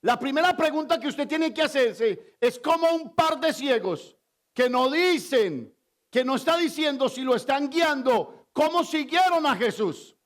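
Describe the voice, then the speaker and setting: A man preaches in a fairly high voice, taking his time over each phrase. He delivers a sermon with strong emphasis. He pauses often to put questions to his congregation. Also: expressive. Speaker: pastor.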